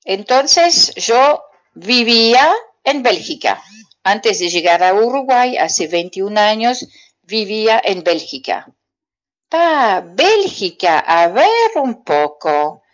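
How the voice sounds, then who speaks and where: With her high frequencies cut off, a Belgian woman speaking with a Belgian French accent talks slowly yet very animatedly in a mid-range voice. As a community radio French teacher, she chats playfully with children, asking them riddle-like questions and supplying the answers herself.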